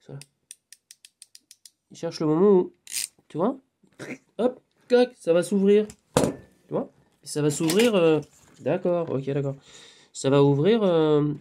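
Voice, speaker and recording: Hypnotherapist, male, chatty vlog monologue, swings between muttered asides and sudden exclamations. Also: a little high. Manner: animated, talks to an unseen friend, swings from muttering to exclaiming. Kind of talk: rambling casual monologue.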